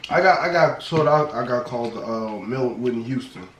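A man's voice: medium pitch, lively intonation, moderate pace. A man in a casual family chat, joking and boasting in a laid-back way while talking with food in his mouth. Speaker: son in a family mukbang channel. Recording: echoey room, faint background noise.

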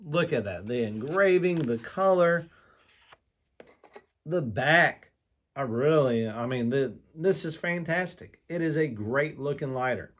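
A man's voice: fairly high pitch, animated, measured pace. A man reviewing a collectible lighter in a casual vlog, talking candidly and with enthusiasm, often restarting his sentences. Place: room with shelves of lighters on display, indoors.

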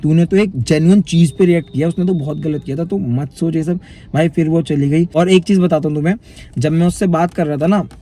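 A man's voice: fairly high pitch, brisk, mellow. A young man, telling his own story to his vlog viewers in a casual, chatty way and often calling them brother. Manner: chatty, frequently addresses viewers as bhai. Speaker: vlogger.

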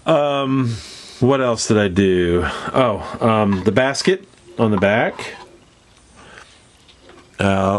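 A congested man with a nasal voice, casually walking viewers through a hobby demonstration in a folksy, rambling way. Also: lowish voice. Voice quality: stuffed-up, nasal. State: congested from allergies. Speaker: host of a model-building tutorial. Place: indoors at a hobby workbench.

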